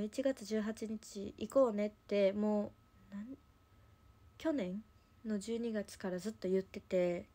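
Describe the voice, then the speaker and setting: On her idol livestream, a young Kansai-accented woman chats casually, meandering through a story with many fillers. Her voice is warm and medium in pitch.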